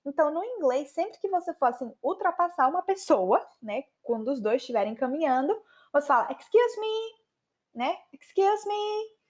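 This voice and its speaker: A Brazilian woman hosting a podcast English lesson, lively and chatty, slowing down to repeat phrases for practice. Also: sits high. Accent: Brazilian Portuguese. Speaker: podcast host and English teacher.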